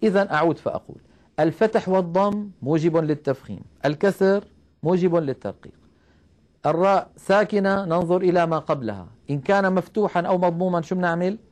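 A man with a slightly high voice teaches recitation rules in a patient, methodical way. He breaks each rule into small steps, checks that his listeners follow him, and slows right down to recite the example verses. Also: darkish tone. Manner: explains step by step, asks questions of the listeners, recites verses slowly. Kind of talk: recorded tajweed lesson.

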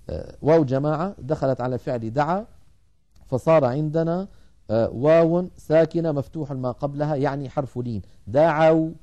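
A middle-aged man teaching a televised lesson on Arabic grammar and Quran recitation. He explains at a measured pace and slows down to chant the quoted verses. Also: on the high side, dark tone.

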